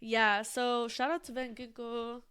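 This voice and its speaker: A woman's voice: a little high, little pitch movement, measured pace, over a noisy crowd. A woman co-hosting a football podcast in loose, rambling chat, full of fillers and casual swearing. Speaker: podcast co-host.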